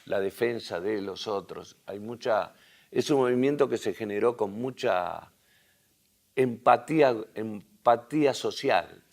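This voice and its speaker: A hoarse man with an Argentine accent lecturing a university class, halting and restarting as he thinks aloud, with tag questions. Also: lowish voice, darkish tone. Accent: Argentine Spanish.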